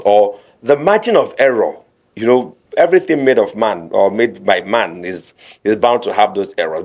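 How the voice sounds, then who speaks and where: Man explaining with anecdotes. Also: on the low side. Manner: explanatory, mixes in lively courtroom anecdotes. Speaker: guest explaining a court technology program. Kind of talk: radio interview explanation.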